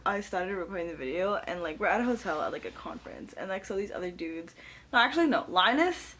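A young woman vlogging casually in a hotel room, excitable and giggly, with a lot of noise behind her. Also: medium pitch, fast. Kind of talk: casual chat. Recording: loud background noise.

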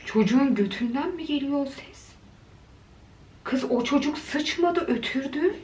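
Sitting high in pitch, expressive, a little slow and a little mellow, a woman video creator reacts casually to funny videos. She chats and coos doting exclamations at the clips, recorded in an echoey room with faint noise.

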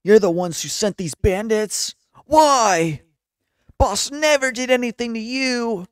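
Man doing a squeaky panicked kid hero. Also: takes it slowly, clear, resonant tone, no echo, clean studio sound. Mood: alarmed. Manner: high-pitched, frantic.

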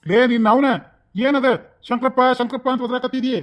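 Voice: sits high, level tone, moderate pace, fairly bright tone. A voice actor playing a blunt, scolding old village husband in a cartoon, with a North Karnataka accent. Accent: North Karnataka Kannada.

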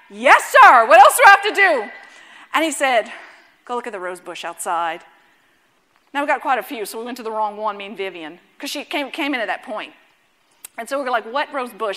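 A woman pastor, preaching a sermon in an animated, humorous way. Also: sits high.

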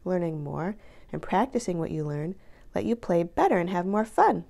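Her pitch is fairly low and touched with vocal fry as she reads a children's book aloud. The delivery is expressive and careful, with key words stretched for emphasis.

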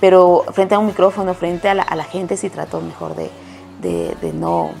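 Ecuadorian woman, sports journalist, low gravelly voice, chatty interviewee, faint music behind. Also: sing-song, normal speed, a little mellow. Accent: Ecuadorian Spanish. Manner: chatty, with frequent restarts and self-corrections. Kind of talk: casual interview answers and storytelling.

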